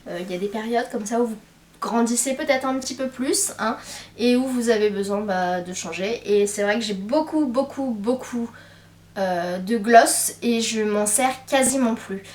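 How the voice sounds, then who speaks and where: Young woman rambling through a beauty haul, lots of ums, highish voice, kinda far from the mic. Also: moderate pace, darkish tone, roomy sound. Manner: chatty, many hesitant fillers. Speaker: beauty vlogger. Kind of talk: casual haul chat to camera.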